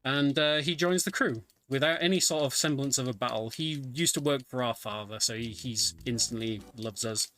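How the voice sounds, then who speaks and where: Speaking at a normal speed with few pauses, this man has a mid-range, slightly bright voice. He's commentating on his own speedrun as he plays, explaining things somewhat hesitantly over the game's music.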